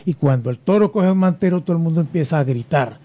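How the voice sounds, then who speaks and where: A man with a high, mellow voice. He argues emphatically in a debate, leaning hard on key words and repeating them for weight. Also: animated, fast talker. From Colombia. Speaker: debate guest, environmentalist. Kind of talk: heated debate.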